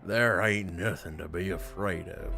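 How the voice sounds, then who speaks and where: A sneering brawler. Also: male voice, low-pitched, measured pace, vocal fry, over loud music. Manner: sneering and contemptuous. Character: bigoted, bullying male saloon brawler, adult.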